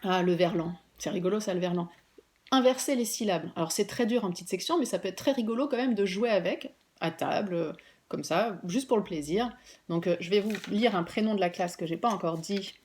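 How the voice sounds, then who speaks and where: Woman teacher doing a distance lesson, breaks words into slow syllables, patient and friendly, mid pitch. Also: darkish tone. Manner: patient, clapping out syllables slowly. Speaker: preschool teacher. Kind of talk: remote lesson for parents and children.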